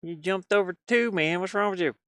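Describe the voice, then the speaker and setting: Here the streamer sits high in pitch, brisk and a bit bright, with a clean tone and clean studio sound free of any room noise. As a game-streaming host and hobby game designer, he rambles and mutters to himself while working on screen during a casual livestream.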